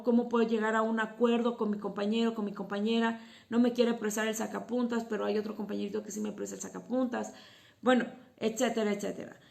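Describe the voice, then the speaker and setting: A woman gives an informal lesson to parents about children's emotions. Her voice sits a little high and carries a gravelly edge. She explains step by step and keeps asking rhetorical questions before she answers them. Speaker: psychotherapist and teacher. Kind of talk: informal educational talk to parents.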